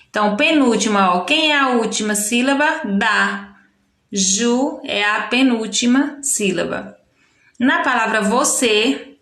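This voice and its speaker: Brazilian woman, schoolteacher, unhurried, stops to correct herself, roomy echo. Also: fairly high pitch, fairly bright tone. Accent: Brazilian Portuguese. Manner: slow, patient explaining with frequent self-corrections. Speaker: primary school teacher. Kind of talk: recorded remote lesson walking through a textbook.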